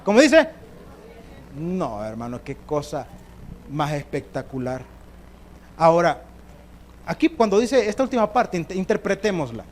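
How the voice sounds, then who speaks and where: High-voiced Salvadoran pastor preaching emphatically. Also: male voice. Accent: Salvadoran Spanish. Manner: emphatic, repeats phrases, addresses listeners as brother. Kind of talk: sermon. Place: church service.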